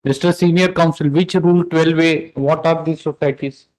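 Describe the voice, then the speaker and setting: A man's voice: a little high, steady tone, normal speed, a little mellow, rough recording. A man with an Indian accent speaking as a judge, questioning and instructing from the bench with authority. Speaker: judge presiding over a court hearing. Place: courtroom, live-streamed hearing.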